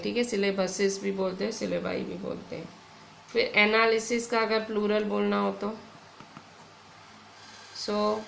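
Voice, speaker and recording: Indian woman teacher, slow and gravelly, echoey room: patient lesson delivery. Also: medium pitch, fairly bright tone, a little hiss or hum. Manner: slow, patient explaining with frequent "theek hai". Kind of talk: online grammar lesson. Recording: echoey room with faint ambience.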